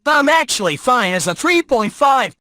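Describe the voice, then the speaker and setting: Woman doing a high excited hedgehog boy, lots of bouncy yells, dry close sound. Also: normal speed, no room sound, exaggerated voice. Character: upbeat young male hedgehog hero.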